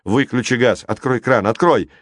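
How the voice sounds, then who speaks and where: A man's voice: on the low side, animated, normal speed, no room sound. Brief: determined boy hero, read by a man, firm calls, dry close storybook reading. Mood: desperate. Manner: determined, raised shouts. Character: brave determined boy adventurer.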